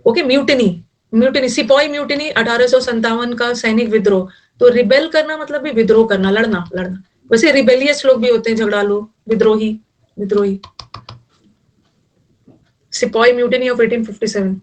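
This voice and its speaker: A woman's voice: a little high, normal speed, distant mic. A middle-aged woman teaching an English vocabulary class, mixing Hindi and English and using jokey memory tricks for each word.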